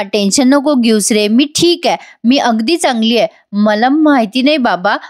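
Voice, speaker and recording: A woman's voice: sits high, dry recording, studio quality. A woman voicing a hurt young woman pleading with her father in a retold TV drama. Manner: pleading, heartfelt.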